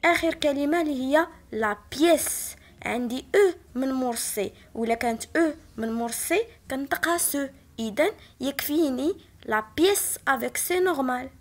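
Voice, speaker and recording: A woman teacher with a Moroccan Arabic accent, patiently explaining a French spelling lesson and spelling out each word slowly. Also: sits high, lively intonation. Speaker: primary school teacher.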